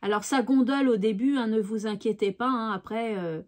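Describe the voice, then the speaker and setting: A woman's voice: fairly high pitch, a little fast, a little mellow. A woman hosting a craft tutorial, chatting casually and thinking aloud with fillers. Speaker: craft channel host.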